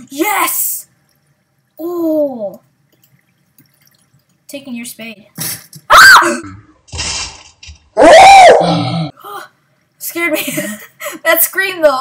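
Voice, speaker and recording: A high-pitched woman talks over her own gameplay in a rambling, excitable way, often poking fun at herself. She sounds like a channel host recorded on a desktop mic with a faint hiss of background noise. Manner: excitable, rambling, self-mocking. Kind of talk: let's play commentary.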